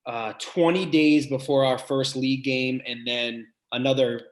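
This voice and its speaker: Here the head basketball coach, whose voice is big, earnestly takes podcast questions and reasons out loud, stopping and restarting along the way. His mid-range voice holds a steady tone.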